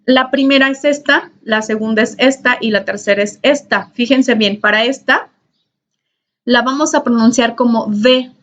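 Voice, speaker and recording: A woman's voice: on the high side, normal speed, a bit bright. A woman, teaching an online English grammar class in a patient, repetitive way and checking in often. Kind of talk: recorded online class lesson. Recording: dull lo-fi recording.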